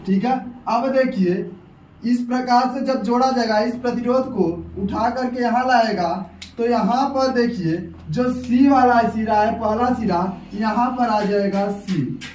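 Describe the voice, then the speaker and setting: A man's voice: very high voice, unhurried, a little mellow, distant mic, a little hiss or hum. A young man teaching a science lesson at a whiteboard, explaining step by step and repeating key terms. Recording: echoey room, off-mic.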